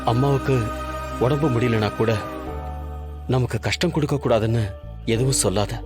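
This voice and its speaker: A man playing an elder brother in a TV serial, gently comforting and reassuring his sister. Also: mid-range voice, moderate pace, music in the background. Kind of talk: TV serial acting.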